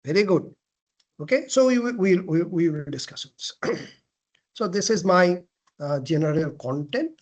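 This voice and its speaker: A man with a fairly high voice teaches a class on how to present well. He talks slowly and deliberately, putting questions to the room and answering them himself. He often clears his throat and restarts his phrases. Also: expressive. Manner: frequent throat clearing and self-corrections. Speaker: lecturer on presentation skills. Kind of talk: classroom lecture.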